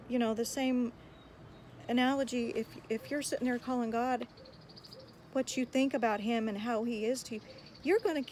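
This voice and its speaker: Her voice on the high side and slight background noise behind her, a woman gives earnest spoken encouragement about prayer. She exhorts her listeners and keeps repeating words as she works out what to say.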